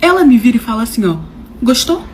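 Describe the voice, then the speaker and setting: A woman telling a personal story to her viewers, animated and dramatic, with slangy phrasing and swings between loud and soft. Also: mid-range voice, fast talker, a little hiss or hum. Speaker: storyteller host. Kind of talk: casual storytelling to camera.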